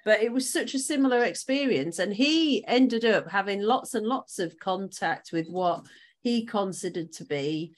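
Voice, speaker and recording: A woman's voice: mid-range voice, expressive, moderate pace. A woman co-hosting a casual round-table podcast, talking in a chatty way with frequent fillers and trailing asides. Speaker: podcast co-host.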